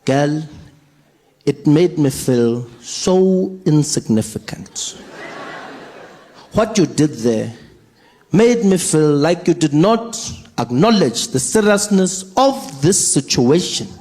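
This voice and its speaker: Slow, deadpan dad in a sketch. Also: male voice, fairly high pitch. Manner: slow, mock-serious and deadpan. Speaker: father in a comedy sketch. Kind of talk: comedy sketch.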